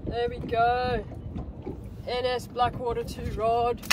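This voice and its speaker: Australian man, high pitch, unhurried how-to delivery to a boat-mounted camera; heavy wind and water noise. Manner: relaxed, explains step by step. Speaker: fishing vlogger. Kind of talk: casual demonstration to camera. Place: outdoors on a small boat on a bay. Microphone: camera mounted on the boat a few meters away.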